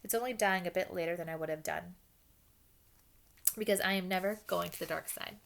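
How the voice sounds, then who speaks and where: A woman's voice: on the low side, a little fast, gravelly, fairly bright tone, a little hiss or hum. Woman doing a pushy young schoolboy wizard, urgent and insistent, storybook voice. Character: determined, frantic schoolboy wizard.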